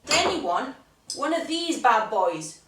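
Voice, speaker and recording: A young Welsh woman chats playfully while she cooks and teaches a few words of Welsh. Her voice sits high. It carries the echo of a home kitchen, picked up from a little way off. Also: very animated, takes it slowly, a bit bright. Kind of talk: casual cooking video. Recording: roomy kitchen, mic at a distance.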